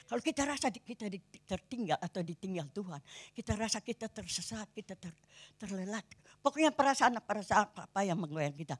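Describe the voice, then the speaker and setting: Woman pastor in her eighties with a Kupang Malay accent. Husky voice with a lively, swooping pitch. Chatty sermon delivery full of rhetorical questions. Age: 80s. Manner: animated, conversational preaching with rhetorical questions.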